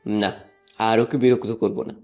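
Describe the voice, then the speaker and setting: A man's voice: fairly low pitch, flat delivery, unhurried, darkish tone, faint music behind. A young man narrating a first-person love story and voicing a playful, teasing student in an audio drama. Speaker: narrator and lead voice actor.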